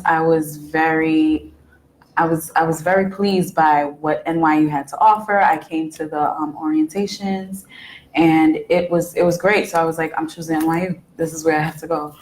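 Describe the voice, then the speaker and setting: Woman, student panelist, hesitant, lots of ums, lowish voice, echoey room. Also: darkish tone, a little hiss or hum. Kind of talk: answering panel questions.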